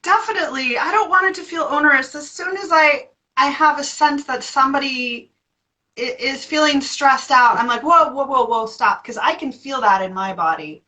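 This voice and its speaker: An American woman, a voice therapist, answering interview questions in a playful, animated way. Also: high-pitched, normal speed, rough recording.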